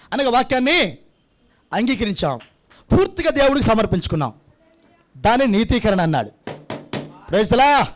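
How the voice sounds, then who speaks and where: A man preaching a sermon, asking rhetorical questions and acting out little scenes. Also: high-pitched. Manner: conversational preaching, rhetorical questions, acts out child and grandfather. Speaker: pastor. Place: church prayer hall.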